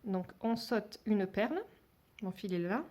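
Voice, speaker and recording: A woman's voice: mid-range voice, animated, measured pace, mellow. Hesitant woman teaching beadwork. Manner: hesitant, many fillers and restarts; drops to a near whisper while counting beads. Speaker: beading instructor. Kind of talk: step-by-step craft tutorial.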